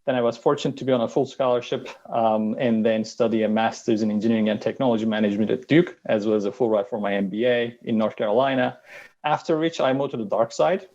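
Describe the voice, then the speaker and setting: A man from Turkey, a guest on an online interview, answering briskly with frequent restarts and fillers. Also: medium pitch, fairly even intonation, a little mellow, lo-fi sound. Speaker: guest, venture capital partner.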